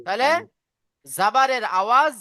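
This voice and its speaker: A woman's voice: on the high side, a little slow, pushed and bright, no echo, studio quality. A woman teaching a beginner reading class online, patiently explaining step by step and asking if students follow.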